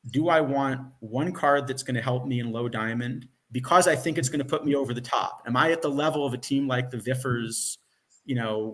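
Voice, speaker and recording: A man's voice: medium pitch, a bit bright. A man giving casual analytical commentary on a card game, explaining his reasoning point by point.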